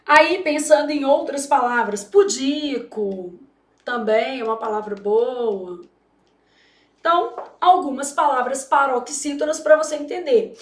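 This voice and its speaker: A woman's voice: high-pitched, unhurried, echoey room. A Brazilian Portuguese woman teaching grammar for exam prep, chatty and joking with her students. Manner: chatty, jokey, addresses students as "gente". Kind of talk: lively classroom lesson.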